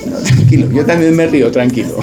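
A man's voice: medium pitch, a little fast, loud music behind the voice. A man preaching a sermon as pastor, speaking straight to his congregation, joking and mimicking people as he talks. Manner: jokey, mimics voices, addresses congregation directly.

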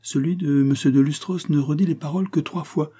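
A man voicing an excitable, scheming middle-aged factory owner who exclaims and boasts in a storybook reading. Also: on the high side, fairly quick, husky, pitched above the performer's own voice. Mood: boastful. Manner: exclamatory, triumphant, declaiming.

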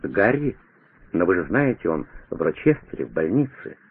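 A man's voice: sits low, big pitch swings, normal speed, husky, heavily acted. A man voicing a flustered female secretary who stammers out her words breathlessly, over a tinny radio broadcast.

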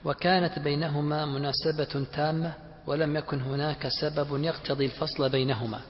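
A man, a student, reading points from a text aloud in class in a steady, listing way. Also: a little high, a little fast. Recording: muffled recording in echoey hall.

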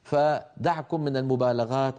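A man's voice: medium pitch, fairly even intonation, moderate pace, dark tone. A man from the Levant teaching a Quran recitation lesson, explaining pronunciation and demonstrating sounds by drawing out syllables. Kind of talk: tajweed lesson.

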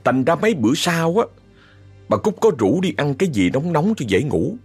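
A man's voice: fairly high pitch, big pitch swings, moderate pace, a little mellow, husky, soft background music. A man with a Southern Vietnamese accent telling a ghost story in a chatty way, often speaking straight to his listeners. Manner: chatty, addresses listeners directly. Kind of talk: told horror story.

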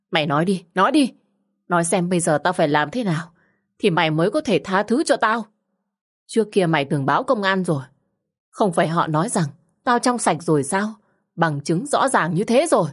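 A woman's voice: fairly low pitch, lively intonation, normal speed. A woman voicing a middle-aged stepmother who cries and pleads with reproachful accusations. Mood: wailing.

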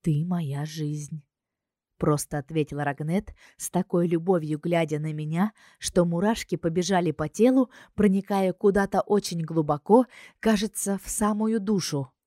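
A woman narrating a fantasy novel in the first person, reading calmly and expressively. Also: fairly low pitch, moderate pace, dry recording, studio quality. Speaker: audiobook narrator.

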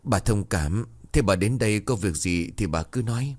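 Aging male village exorcist, voiced by a man, low voice, courteous. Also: expressive, normal speed, darkish tone. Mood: gentle. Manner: polite, courteous with the widow, gruff with his pupil.

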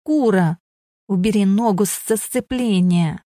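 Lady reading as a swearing impatient guy yelling driving tips, mellow dry read. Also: medium pitch, slow, no room sound, natural voice. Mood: exasperated shouting. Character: gruff man teaching driving, yelling.

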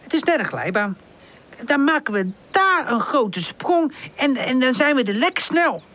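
A woman voicing a cheerful, eager young male puppy in an audiobook, with a high, bouncy child-like voice. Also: very animated, measured pace, a bit bright, full character voice.

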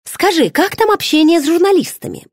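Bubbly teasing pregnant gal, a lady reading her, higher voice, bouncy tune, dry sound. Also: expressive, a little fast, no room sound. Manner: teasing, bubbly, pushy questions. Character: teasing pregnant young woman friend, nosy, playful.

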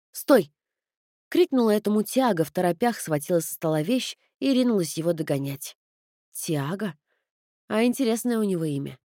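A woman narrates a novel in the first person. Her heroine's outbursts come out loud and raging, set against calmer storytelling. The sound is dry and close, with no room around it. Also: mid-range voice, no echo. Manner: shifts into loud angry shouting for her character's lines. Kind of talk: audiobook narration of a romance novel.

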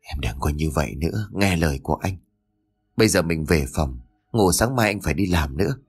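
A man voicing a stern, gruff middle-aged husband who scolds curtly and hides a cruel streak. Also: very deep voice, expressive, fairly quick, soft background music, voice pushed down, full character voice. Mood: soothing. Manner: scolding, curt.

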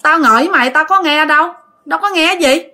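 A woman's voice: high-pitched, fast talker, sharp tone, voice pushed up. A woman putting on a brusque, dismissive mother. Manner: dismissive, scolding. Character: mother of a teenager, brushing off worries.

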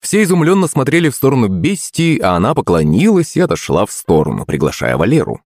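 A man's voice: medium pitch, wildly swooping pitch, quick pace, a little mellow, dry recording, clean studio sound. A man narrating a first-person audiobook.

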